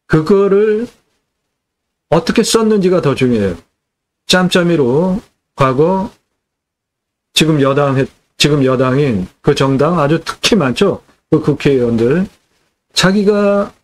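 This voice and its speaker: A man's voice: on the high side, darkish tone. A middle-aged man hosting a land sales channel, delivering an indignant, scolding political rant.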